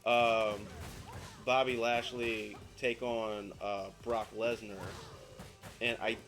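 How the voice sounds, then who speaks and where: A man's voice: medium pitch, little pitch movement, slow pace, a bit bright, faint music behind. A man hosting a casual chat while playing a video game, easygoing and agreeable, muttering at the game now and then. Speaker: host.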